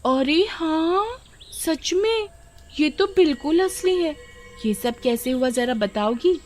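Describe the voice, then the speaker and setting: A woman's voice: fairly high pitch, animated, normal speed, soft background music, pitched above the performer's own voice, close to an everyday voice. A woman voicing a nosy, jealous village girl in a cartoon, prying and bossy.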